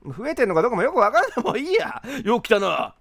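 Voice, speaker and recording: A young man doing let's play commentary, rough-talking and exasperated, laughing often. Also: very high-pitched, big pitch swings, very fast, a bit bright. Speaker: game commentator.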